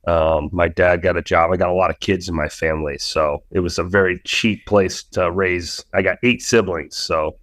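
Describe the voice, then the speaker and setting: A man from Arizona raised in Indianapolis, a music producer chatting as an interview guest, friendly and quick to laugh. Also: low-pitched, fairly even intonation, a bit bright, dry recording. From Indianapolis, raised; born in Arizona. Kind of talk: casual interview chat.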